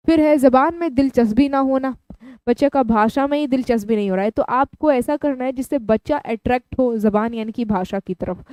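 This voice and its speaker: A woman's voice: high-pitched, darkish tone, clean tone, dry recording. A woman teaching an exam-prep lecture, explaining each term and repeating it in plain words. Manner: explanatory, repeats terms in several languages.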